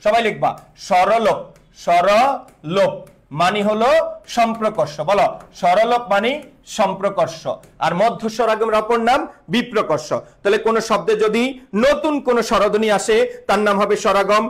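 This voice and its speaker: A man's voice: sits high, brisk. A man teaching grammar in a live online class, repeating rules and quizzing students with call-and-response questions, slipping in English words. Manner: mixes English words into speech.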